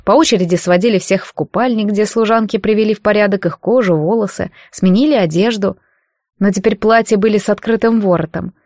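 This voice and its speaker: A woman reading a fantasy novel aloud as an audiobook narrator, with expressive storytelling. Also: mid-range voice, a little fast, dry recording, clean studio sound. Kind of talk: scripted narration.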